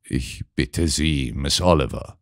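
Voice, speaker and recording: Deep-voiced guy doing a calm sharp gentleman detective, slow and precise, dry audiobook sound. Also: no room sound, heavily acted. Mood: insistent. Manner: measured, precise, explaining. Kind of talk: audiobook character voice.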